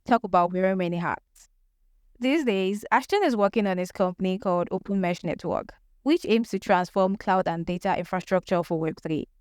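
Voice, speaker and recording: A woman's voice: medium pitch, normal speed, a little mellow, clean tone, dry recording, clean studio sound. A woman hosting a podcast, introducing her guest in an upbeat, enthusiastic way. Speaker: podcast host. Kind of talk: scripted podcast intro and interview.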